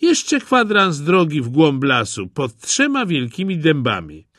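Guy putting on a high sweet little girl voice, innocent and trusting, storybook style. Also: huge pitch swings, a little slow, fairly bright tone, no echo, studio quality, heavily acted. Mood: cheerful.

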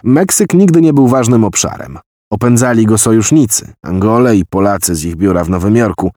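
A low-voiced man narrates an audiobook in a measured, even reading. The sound is dry and close, with no room around it. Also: no echo. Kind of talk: scripted narration.

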